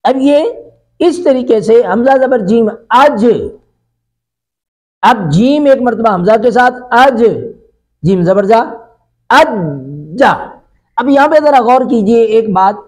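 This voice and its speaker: Man, high voice, very slow overall, Pakistani Urdu accent, tajweed teacher, drawn-out drills with quick explanations. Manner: drills syllables slowly, then explains in quick bursts. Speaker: Quran recitation teacher. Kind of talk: online tajweed lecture with drilled syllables and chanted recitation.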